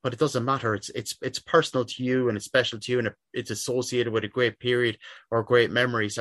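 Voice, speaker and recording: A man's voice: medium pitch, sharp tone, no echo, studio quality. A middle-aged man with a west of Ireland accent talking casually and chattily in an interview, often circling back and restarting his phrases. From Sligo, west of Ireland. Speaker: interview guest, football jersey collector.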